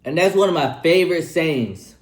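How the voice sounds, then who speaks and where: A man's voice: on the high side, lively intonation, moderate pace. A man in his twenties giving casual life advice in a slangy, laid-back way, repeating himself and tagging lines with "bro" while he eats. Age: 20s. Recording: echoey room.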